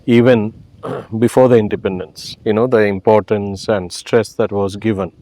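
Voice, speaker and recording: Mellow, lower-voiced Malayali Indian man. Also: fairly even intonation, normal speed. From Kerala, India. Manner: explanatory, often tags phrases with "you know". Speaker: interview guest. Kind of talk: reflective conversational interview.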